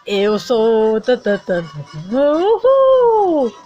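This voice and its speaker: A woman plays a heartbroken male doll bandleader, melodramatic and sing-song in a toy play-acting video. The voice sits high and drawls slowly. It comes through a dull lo-fi recording with band music faintly behind. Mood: showy singing.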